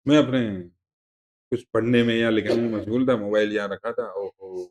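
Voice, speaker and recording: A man giving a religious lesson to a class, explaining terms in a conversational, digressive way and repeating himself to make points clear. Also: fairly low pitch, fairly even intonation, moderate pace, a little mellow. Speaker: religious teacher.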